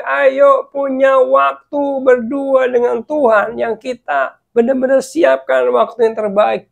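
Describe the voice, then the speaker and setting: A man preaching a casual devotional sermon, chatting with listeners as "guys", sometimes dropping to a soft hush and sometimes urging them louder. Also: high-pitched, creaky. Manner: chatty, addresses listeners as "guys", mixes in English words; swings between soft, hushed passages and louder urging.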